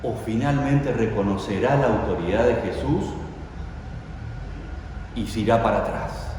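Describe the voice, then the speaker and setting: A man's voice: fairly low pitch, unhurried, noisy background. A man preaching a sermon, telling the story dramatically and putting rhetorical questions to his congregation. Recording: echoey hall, voice from far off.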